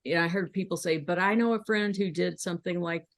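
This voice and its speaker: An American woman speaks as an interview guest in a fairly low register with heavy vocal fry. She tells her story casually and haltingly, working out her thoughts as she goes. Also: no room sound. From Kentucky, United States. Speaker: podcast guest, documentary filmmaker.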